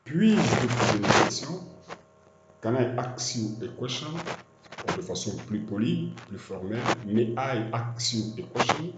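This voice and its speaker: Slow, deliberate man teaching English. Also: medium pitch, expressive, echoey room, very noisy. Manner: slow, deliberate, repeats each phrase in two languages. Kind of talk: slow bilingual language lesson.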